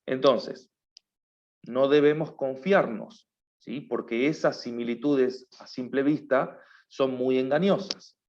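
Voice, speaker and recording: A man's voice: medium pitch, slow, a little mellow, highs cut off. A man teaching a class, explaining patiently and often stopping to check that his students follow. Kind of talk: online class lecture.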